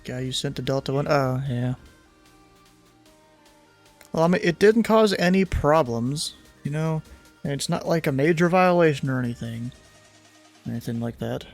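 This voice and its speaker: A man's voice: a little high, animated, normal speed, gravelly, pauses often, faint music behind. A man livestreaming as an air traffic controller, switching between radio phraseology and folksy, casual chat.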